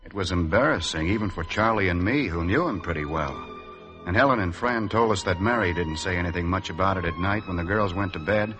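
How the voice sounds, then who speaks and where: An actor voices Mac, an easygoing, reflective man recalling a summer acquaintance, narrating a 1950s radio drama with wry, conversational reminiscence. His low, fairly quick, everyday-sounding voice comes through a rough broadcast recording with music underneath.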